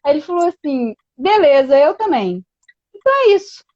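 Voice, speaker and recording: Woman guest, high voice, chatty storyteller, dull dry lo-fi sound. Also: very animated, moderate pace, darkish tone, no room sound. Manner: storytelling with many quoted exchanges and frequent "né". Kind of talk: casual chat.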